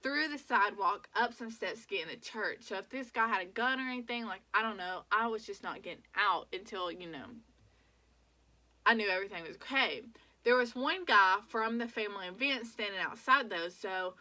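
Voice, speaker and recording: A woman in her twenties casually retelling a story to her viewers, animated and full of "like"s. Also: medium pitch, moderate pace. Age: 20s. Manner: animated retelling with many "like"s and acted quotes. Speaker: vlogger.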